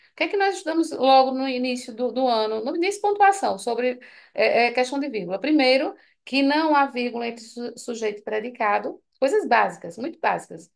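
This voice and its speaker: Woman teacher, tired, high gravelly voice, chatty exam walkthrough. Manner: chatty, asks students for confirmation. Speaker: Portuguese teacher. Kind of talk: exam correction lesson.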